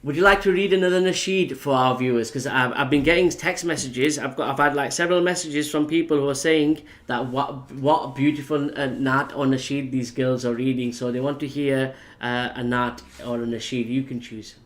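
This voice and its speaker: A man hosting a community podcast, friendly and halting, with many fillers and restarts. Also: mid-range voice, fairly even intonation. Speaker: podcast host. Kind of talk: casual chat.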